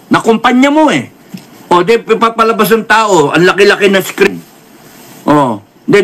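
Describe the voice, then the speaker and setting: A man from the Philippines comments on politics, lecturing in a high-sitting voice with a fairly bright tone. He drops in English phrases and apologizes more than once.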